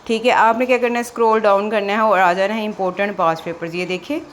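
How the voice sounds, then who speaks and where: Woman teacher, middle pitch, chatty voice-over walking through a website. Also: fairly even intonation, quick pace, a little hiss or hum. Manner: chatty, repeats "theek hai" and "ye dekhiye". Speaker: exam prep teacher. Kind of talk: screen walkthrough tutorial.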